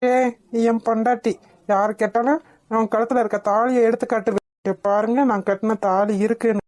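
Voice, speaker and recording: A woman's voice: fairly high pitch, steady tone, a little fast, a little mellow, no room sound, lightly acted. A woman voicing a teasing cartoon young husband. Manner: teasing, playful. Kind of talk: animated cartoon voice acting.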